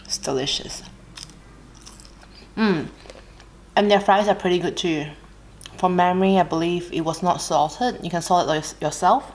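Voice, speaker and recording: A woman with an Australian accent talks on her eating vlog in a somewhat low voice. She is relaxed and unhurried, breaking off to chew and hum softly between her sentences. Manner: relaxed, unhurried, pausing to eat with soft hums. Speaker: mukbang vlogger. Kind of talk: casual chat while eating.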